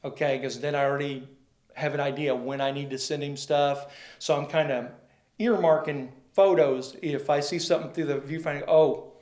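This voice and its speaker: A man's voice: on the high side, steady tone, moderate pace, darkish tone. Folksy man telling stories in a roomy space. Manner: rambling, folksy, acts out quoted dialogue. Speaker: sports photographer guest. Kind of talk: casual storytelling interview. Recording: roomy echo.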